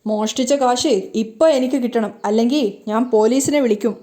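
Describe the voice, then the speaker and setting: A woman's voice: a little high, a little fast, dark tone, close to an everyday voice. A woman reading the lines of a scornful middle-aged woman who accuses a boy of theft, in her own plain voice. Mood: accusing. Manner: read out plainly in the reader's own voice.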